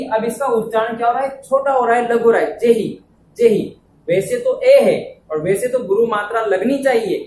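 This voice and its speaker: Man teaching from across an echoey room. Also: sits high. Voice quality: explains step by step, often asks if it's understood. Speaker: Hindi teacher. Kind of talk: classroom-style lesson. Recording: echoey room, distant mic, faint noise.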